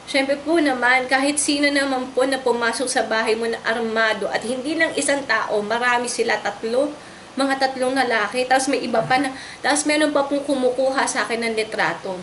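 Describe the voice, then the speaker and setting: A young adult woman giving an emotional first-person testimony in an interview. She speaks earnestly and politely, and she re-enacts her own frightened shouts as she tells the story. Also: high voice, a little fast. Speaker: interviewee recounting a raid on her home. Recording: roomy echo with faint background noise.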